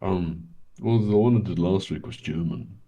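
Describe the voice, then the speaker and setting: A man's voice: low-pitched, normal speed, mellow, highs cut off. A man with an English accent, chatting casually as a guest who rambles and laughs often. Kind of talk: casual chat.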